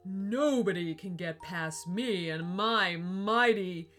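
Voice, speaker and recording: A woman voicing a proud, ghostly male Viking warrior in a storybook reading, speaking slowly and booming. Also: fairly bright tone, faint music behind. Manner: slow, booming, solemn.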